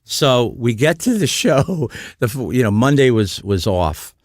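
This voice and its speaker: An older man from the US Midwest, a guest musician, tells long, rambling anecdotes in conversation, often restarting. His voice is medium-pitched and very animated at a slightly slow pace, recorded dry with clean studio sound.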